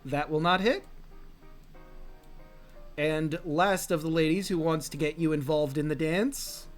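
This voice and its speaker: A man's voice: fairly high pitch, a little slow, faint music behind. A man running a tabletop game as game master, narrating the action and dice rolls in an easygoing way, often laughing.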